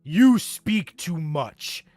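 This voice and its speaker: A booming god of storms, acted out by a man for a tabletop game. He is loud, wrathful and impatient, dragging out each threat slowly over music. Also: dry recording. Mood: enraged. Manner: slow, drawn-out threats. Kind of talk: tabletop game role-play.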